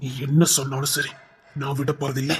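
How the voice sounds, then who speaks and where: A man with a Tirunelveli Tamil accent performing a dramatic story, moving between hushed whispers and angry shouts. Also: medium pitch, completely flat delivery, fairly quick. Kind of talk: dramatic audio story acting.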